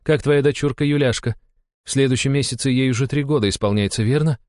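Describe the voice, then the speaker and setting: A man voicing a cold, commanding noble countess in an audiobook, speaking in an icy, measured way. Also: medium pitch, a little mellow, dry recording, studio quality, pitched above the performer's own voice, close to an everyday voice. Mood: calm.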